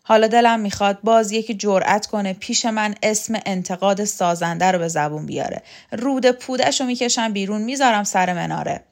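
A woman reading an audiobook, voicing a domineering, scornful woman who taunts and threatens loudly. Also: medium pitch, lightly acted. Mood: scornful, furious. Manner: loud, sharp, taunting. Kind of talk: audiobook character voice.

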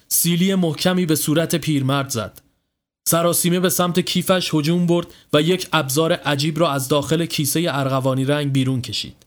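A man narrating a scripted horror story in a steady, dramatic manner. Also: on the high side. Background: faint music.

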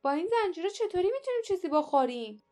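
A woman's voice: on the high side, a little mellow, faint music behind, natural voice. A woman voicing a fierce young girl who speaks sharply and bitterly.

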